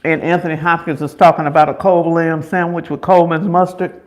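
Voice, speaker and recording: A man's voice: a little high, flat delivery, a little fast. An American man from Chicago chatting casually as an eating-show host, chewing between phrases, folksy and repeating himself for emphasis. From Chicago, United States. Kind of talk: casual mukbang chat.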